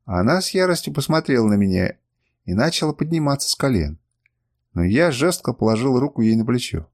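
A man narrating a first-person audiobook with expressive storytelling. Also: medium pitch, fairly quick.

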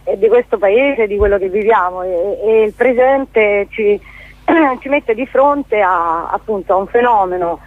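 Her voice, medium in pitch and unhurried, reaches the radio station over a tinny, narrow telephone line with no room sound. As a theatre guest in an unplanned interview, she hesitates and keeps repeating words as she hunts for what comes next.

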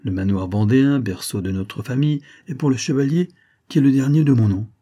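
A man's voice: medium pitch, fairly quick, dark tone, pitched above the performer's own voice, natural voice. A man voicing an elderly general, a kindly but solemn patriarch who speaks firmly and formally.

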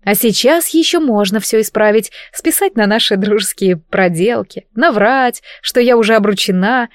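A woman narrating a first-person audiobook with wry, lively storytelling. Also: medium pitch, normal speed, no room sound, clean studio sound.

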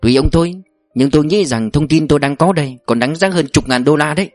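A man's voice: on the high side, fast talker, dry recording, faint music behind, lightly acted. A man voicing a sly scheming security chief. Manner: blunt, bossy.

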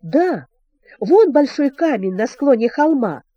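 A woman's voice: high-pitched, big pitch swings, takes it slowly, no room sound, lo-fi sound, heavily acted. A woman voicing a practical schoolboy who questions and doubts. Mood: questioning.

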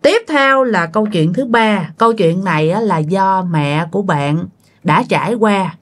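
A woman's voice: medium pitch, lively intonation, measured pace. Chatty woman storyteller. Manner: chatty, addresses listeners with fillers. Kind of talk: casual ghost story narration.

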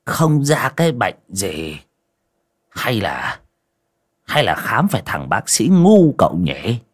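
A man's voice: on the low side, wildly swooping pitch, slow pace, breathy edge, exaggerated voice. A man doing a sick, sarcastic old villager. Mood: weary. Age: older. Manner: mocking, sarcastic.

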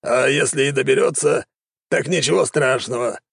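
A man voicing an excitable, scheming male gnome king in an audiobook, exclaiming theatrically. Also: mid-range voice, moderate pace, creaky, husky, no echo, studio quality, voice pushed up. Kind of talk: audiobook character voice.

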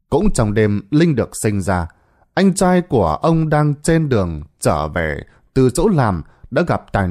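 A male storyteller reads a scripted drama aloud with dramatic expression. His pitch sits in a middle register and moves a lot, rising and falling with the tension of each sentence. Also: darkish tone.

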